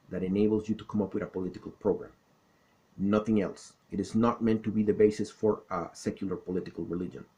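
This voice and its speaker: A middle-aged man from South Florida with a Florida accent, explaining things in a deliberate, didactic monologue. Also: deep voice, warm tone. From South Florida, born in the Caribbean. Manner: didactic, deliberate, checks in with "okay?". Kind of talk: explanatory monologue, political talk and recollection.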